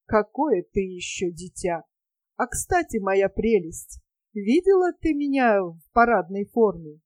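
A woman's voice: medium pitch, big pitch swings, measured pace, darkish tone, no room sound. Brief: woman reading a smug flirtatious captain, glib vows, storybook audiobook. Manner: smooth-talking, self-satisfied, grandly vowing.

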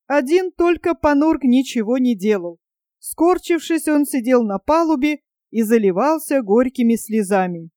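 Expressive storybook narrator, high voice. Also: moderate pace, no room sound, studio quality. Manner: expressive, dramatic. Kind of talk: storybook reading.

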